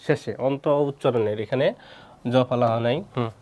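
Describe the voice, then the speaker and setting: A male teacher giving an exam-prep grammar lesson, repeating each example word slowly and putting questions to his students. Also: medium pitch, steady tone, darkish tone.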